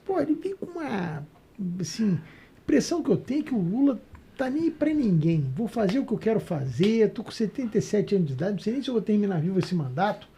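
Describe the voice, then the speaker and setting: A man's voice: sits high, big pitch swings, quick pace, vocal fry, mellow, slight background noise. A Brazilian man on a political debate panel, talking sarcastically and mocking others' words. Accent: Brazilian Portuguese.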